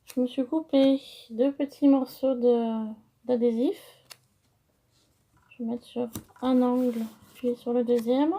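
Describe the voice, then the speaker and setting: A woman with a French accent and a high-pitched voice hosts a casual craft tutorial, explaining a paper-crafting project step by step. She's hesitant and uses many fillers, and the recording is muffled.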